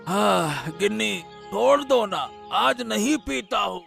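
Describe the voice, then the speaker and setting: A man's voice: sits high, animated, slow, gravelly, a bit bright, faint music behind, exaggerated voice. A man voicing an ailing husband who grumbles about his stomach trouble in a cartoon, whiny and complaining. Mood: pleading. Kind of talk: animated cartoon dialogue.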